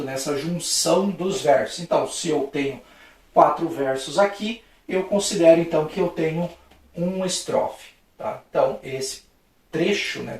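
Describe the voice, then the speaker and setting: Echoey Brazilian teacher explaining poetry at a board. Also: male voice, fairly high pitch, recorded from a distance. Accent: Brazilian Portuguese. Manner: friendly, with frequent checking "tá?" tags; acts out a playful street-shouting example for stress. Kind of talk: recorded video lesson at a board. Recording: very echoey room, voice from off-mic.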